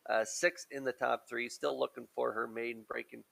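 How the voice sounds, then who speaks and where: A man's voice: mid-range voice, steady tone, normal speed, gravelly, fairly bright tone. A man giving informal, analytical race preview commentary as a handicapper. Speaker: horse racing handicapper and analyst.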